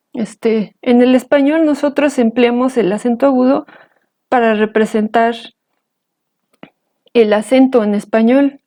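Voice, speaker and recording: Woman teacher, fairly high but mellow voice, patient, careful delivery. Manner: slow, careful, patient explanation. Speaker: language teacher. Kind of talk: explaining and pronouncing example words.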